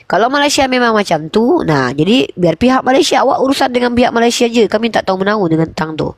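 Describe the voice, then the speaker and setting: A woman's voice: a little high, expressive, quick pace, no echo, studio quality. Firm Indonesian woman hosting a debate room. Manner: firm, insistent, cuts in to keep order. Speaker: host of a live debate room. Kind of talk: moderating a live online debate.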